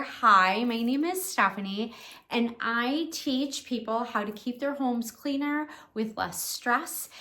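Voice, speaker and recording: Woman host, cleaning coach; unhurried, encouraging delivery, chatty with fillers. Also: medium pitch, a bit bright. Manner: encouraging, chatty, with frequent ums and restarts. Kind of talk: casual instructional talk to camera.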